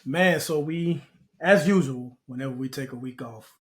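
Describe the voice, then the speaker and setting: A man's voice: mid-range voice, normal speed. A man co-hosting a barbershop-style podcast in casual chat, loose and joking with slang. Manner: loose, joking, uses slang like bro and fam. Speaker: podcast co-host.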